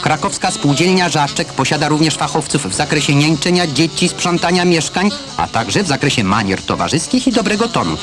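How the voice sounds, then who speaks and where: A man narrating a 1970s newsreel voice-over, crisp and declamatory commentary read over footage. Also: a little high, very animated, a little fast, few pauses. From Poland. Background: loud film score music.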